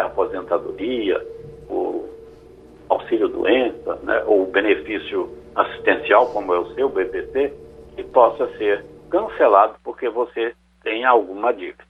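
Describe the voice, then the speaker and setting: A lawyer, answering callers' questions on a radio call-in show in a measured, explanatory way. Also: male voice, fairly low pitch. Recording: phone-like radio line.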